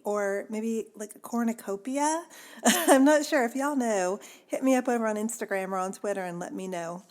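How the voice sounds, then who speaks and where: A woman's voice: fairly high pitch, a little mellow. A woman hosting a podcast in a chatty, casual way, laughing often and using many fillers. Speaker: podcast host. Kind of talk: casual chat.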